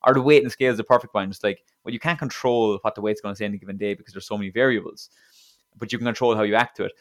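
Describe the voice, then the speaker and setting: A man's voice: on the low side, racing. An Irish man, a coach, chatting on a podcast in an earnest, reflective way with frequent restarts. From Ireland. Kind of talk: casual podcast chat.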